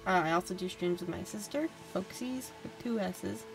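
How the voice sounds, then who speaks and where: A woman's voice: mid-range voice, moderate pace, vocal fry. A woman livestreamer chatting casually and commenting on a game as she plays. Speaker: game streamer. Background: game music.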